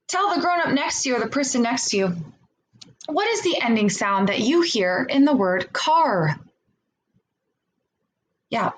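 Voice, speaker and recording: Slow, deliberate woman teaching phonics to children. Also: a little high, a little hiss or hum, poor audio. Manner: slow, deliberate enunciation with word sounds pronounced separately; encouraging, prompting with questions and pauses. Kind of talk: remote phonics lesson for young children.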